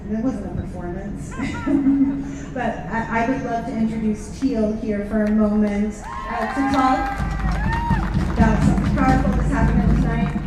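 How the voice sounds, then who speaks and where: A woman hosting a rally, making informal announcements and thanks in an effusive, encouraging way. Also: on the high side. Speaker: rally host. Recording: echoey, distant mic, noisy outdoor crowd.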